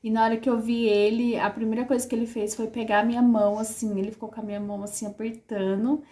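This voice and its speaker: Mother, fairly high mellow voice, heartfelt rambling storytelling, lots of fillers. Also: level tone, fast talker. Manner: heartfelt, repetitive, full of fillers. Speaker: mother telling her birth story. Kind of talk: casual personal storytelling.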